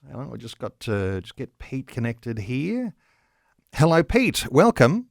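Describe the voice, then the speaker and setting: A man with an Australian accent hosting a radio talkback interview in deliberate, polished broadcast phrasing. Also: mid-range voice, very animated, vocal fry, no room sound, clean studio sound.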